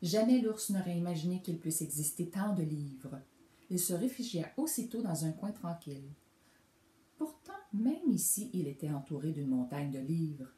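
Expressive woman reading a storybook. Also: low voice, moderate pace. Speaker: reader. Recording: echoey room.

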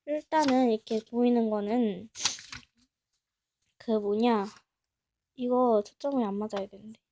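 Young woman vlogger, high mellow voice, chatty and gushy, unboxing stuff at home. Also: unhurried, slight background noise. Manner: chatty, gushing and excitable, talks to herself. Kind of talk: casual unboxing chat.

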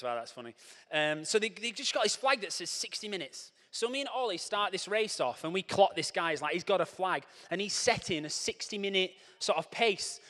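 A man delivers a playful, animated sermon, bright and forceful, with sudden coaching shouts. His fairly high voice rings out with a long hall reverb behind it. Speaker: church speaker. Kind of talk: lively sermon with props and audience. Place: church hall.

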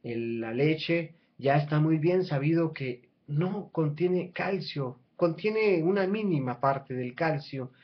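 Earnest man on a webcam. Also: fairly high pitch. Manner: earnest, persuasive, with frequent restarts and fillers. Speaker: channel host. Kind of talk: casual talk to camera. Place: small room at home, indoors. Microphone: webcam at close range. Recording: dull lo-fi webcam audio.

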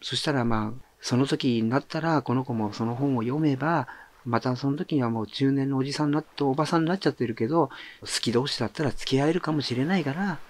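A man's voice: mid-range voice, quick pace, hardly any pauses, close to an everyday voice. A man quoting the words of a brusque, bossy middle-aged mother in a blunt, scolding way, as part of his own story. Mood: firm. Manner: blunt, scolding, calls people "you".

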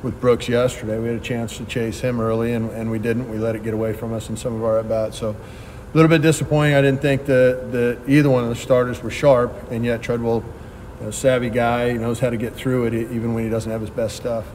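A middle-aged head coach fields reporters' questions after a game, speaking quickly and bluntly. He often restarts his sentences mid-thought. A light background hum sits under his voice. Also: mid-range voice, little pitch movement, a little mellow. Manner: quick, plain-spoken answers with frequent restarts. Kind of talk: postgame press conference. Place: press backdrop at a ballpark.

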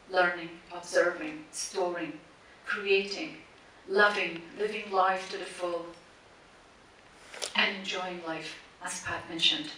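This woman's fairly low voice is pushed and bright as she introduces a tribute screening from the stage of a large, echoey cinema. Her first language is Persian, and her prepared memorial speech is measured and deliberate, with pauses around listed words. She uses a stand mic, but a distant audience camera did the recording, leaving distant echo and faint hiss.

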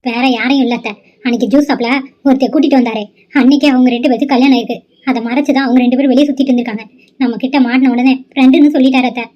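A woman's voice: high voice, steady tone, rapid-fire. A woman voicing a bitter young woman who complains and schemes against a rival. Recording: dull lo-fi sound.

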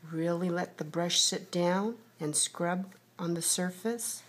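A woman with a slightly low, husky voice teaches painting in the manner of a TV painting instructor. She talks through each step patiently and unhurriedly as she works. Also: slow pace. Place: indoors at a table.

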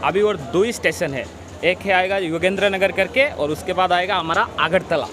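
A man in his thirties from Tripura, India, casually talking to a phone camera held at arm's length as he walks through a busy outdoor railway station, chatty and relaxed. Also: high voice, moderate pace, music in the background. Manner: chatty, relaxed, guiding the viewer around. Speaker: travel vlogger. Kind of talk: casual walking vlog to camera. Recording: outdoor phone recording with crowd around. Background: crowd chatter and passing vehicles.

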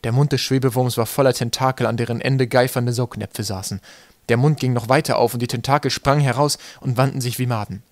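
A man reading an audiobook in calm, steady narration. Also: mid-range voice, brisk, dry recording. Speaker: audiobook reader. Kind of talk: scripted narration.

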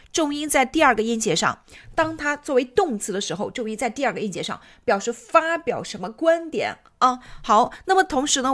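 A woman's voice: a little high, fairly bright tone. A woman teaching an English grammar lesson, patiently explaining step by step, asking rhetorical questions and switching between Chinese and English example sentences.

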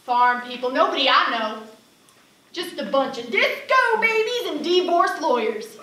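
A young student actress, her high voice sing-song and unhurried, delivers a theatrical monologue on an indoor stage as a fed-up, brash rodeo cowgirl. Her Southern US accent and salty, folksy emphasis carry a sardonic mood, captured by a far camera in an echoey, noisy, distant recording.

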